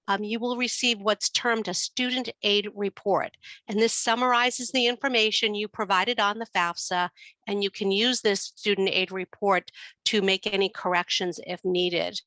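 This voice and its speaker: A woman's voice: medium pitch, pushed and bright, dry recording. A woman with a New York accent giving an informational webinar presentation on financial aid, explaining steadily with frequent ums over a computer mic on a video call.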